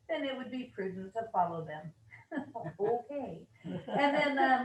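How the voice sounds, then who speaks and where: A woman leading an office meeting, reading rules aloud with upbeat asides and fillers, her voice a little worn. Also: a little high. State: losing her voice. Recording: roomy, mic at a distance.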